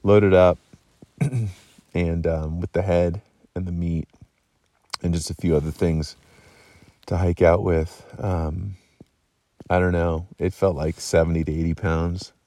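A man's voice: sits low, takes it slowly, pauses often, no room sound. A tired man talking casually on a hunting vlog at his mountain camp at night, with many ums and yawns. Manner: relaxed, rambling, many ums and restarts. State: tired, yawning. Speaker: hunter vlogger.

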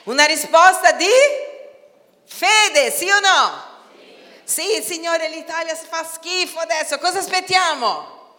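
A woman preaching a sermon in an animated way, swinging between quiet talk and loud outcries. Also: very high-pitched, slow. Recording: long hall reverb.

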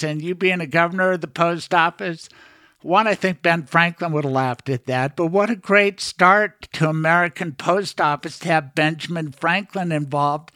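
A man's voice: fairly high pitch, moderate pace, pushed and bright, dry recording, studio quality. Chatty opinionated male podcast host. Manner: chatty, tells anecdotes, opinionated. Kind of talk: casual interview chat.

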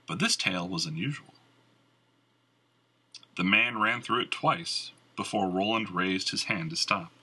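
Male audiobook narrator, expressive, bright husky tone. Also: low voice, unhurried, long pauses, low-quality recording. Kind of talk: scripted fantasy narration.

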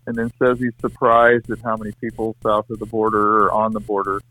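A middle-aged man with a fairly low voice co-hosts a casual political talk show. He speaks conversationally and stresses his opinions firmly. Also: monotone, brisk, sharp tone, no echo, soft background music, low-quality recording. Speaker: co-host.

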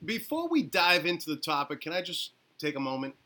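A man in his fifties co-hosting a podcast, playful and jokey with loud exclamations. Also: a little high, big pitch swings, fairly quick. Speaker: podcast co-host. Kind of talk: casual chat.

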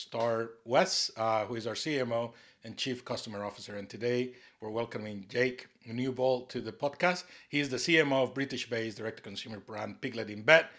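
A man's voice: medium pitch, sharp tone. A man hosting a podcast, enthusiastic and rambling, with many fillers. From Costa Rica. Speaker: podcast host.

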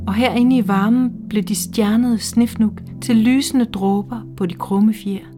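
Hushed woman reading a literary story. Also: on the high side, steady tone. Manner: slow, hushed, measured storytelling. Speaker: reader. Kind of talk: scripted literary narration. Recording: faint music underneath.

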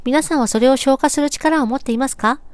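A woman reading a translated religious sermon aloud in a calm, even recitation. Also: high voice, fast talker, dry recording. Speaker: reader of religious teachings. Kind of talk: scripted reading of a sermon text.

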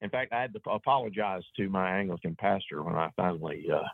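A man from East Tennessee with an Appalachian accent, talking casually as an interview guest in a folksy, unhurried storytelling way. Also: sits low, animated, vocal fry, dry recording, narrow, tinny audio. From East Tennessee, USA. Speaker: guest author.

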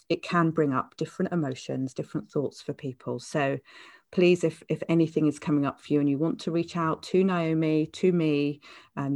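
Gentle woman podcast host. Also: low-pitched. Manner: gentle, affirming, with frequent fillers. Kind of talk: casual conversational interview.

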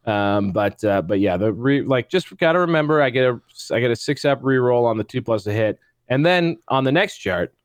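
A man co-hosting a casual tabletop wargaming podcast, talking in an animated, rambling way and often breaking off his own sentences. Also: medium pitch, normal speed, few pauses, clean tone, no echo, studio quality. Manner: animated, rambling, self-interrupting. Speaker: co-host.

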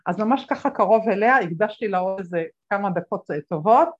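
A woman guest telling stories in an interview, animated, acting out the voices of people she quotes, with many fillers. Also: medium pitch, dull audio. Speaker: guest speaker. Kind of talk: conversational interview storytelling.

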